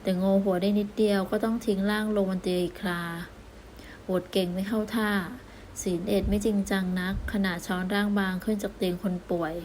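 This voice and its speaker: A woman's voice: medium pitch, little pitch movement, fast, hardly any pauses, darkish tone, a little hiss or hum. Woman narrating a romance novel. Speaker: audiobook narrator.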